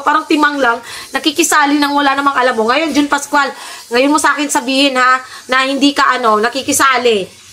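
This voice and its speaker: Indignant bright-voiced woman vlogger ranting. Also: sits high, a little hiss or hum. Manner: ranting, indignant, repeatedly asks "di ba?". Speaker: vlogger addressing her viewers. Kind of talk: heated commentary.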